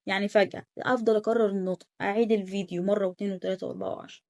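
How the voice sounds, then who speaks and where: A woman's voice: medium pitch, steady tone, gravelly, darkish tone, no echo, clean studio sound. A young woman with an Egyptian Arabic accent, teaching German in a casual online lesson and coaching pronunciation with lots of repetition. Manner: rapid, repetitive coaching, drills pronunciation aloud.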